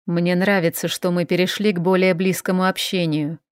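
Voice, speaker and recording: A woman voicing a calm, teasing male vampire. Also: fairly low pitch, smooth, dry recording, studio quality, lightly acted. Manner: even, unhurried, teasing. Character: calm, dry-witted male vampire advisor.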